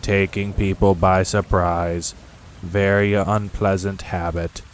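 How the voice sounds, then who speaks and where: Guy doing a mopey old donkey, slow and sarcastic, rain in the back. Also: sits low, a little hiss or hum. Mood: gloomy. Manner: slow, flat and glum.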